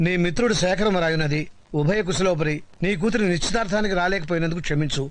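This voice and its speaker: A man's voice: high voice, fast, a little hiss or hum, lightly acted. An actor voicing a middle-aged village father reading his letter in voice-over, plain-spoken. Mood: wry.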